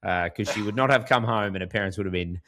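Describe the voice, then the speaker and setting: A man's voice: fairly low pitch, fast, pushed and bright, a little hiss or hum. An Australian man co-hosting a sports podcast, chatting casually with many ums and restarts. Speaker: podcast co-host. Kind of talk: casual chat.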